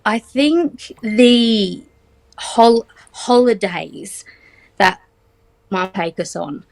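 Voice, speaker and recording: An Australian woman in her forties talks as an interview guest. She is chatty and unhurried, with frequent ums and a light teasing humor. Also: medium pitch, expressive, a little mellow. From Australia, Central West New South Wales. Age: 40s. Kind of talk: casual interview chat.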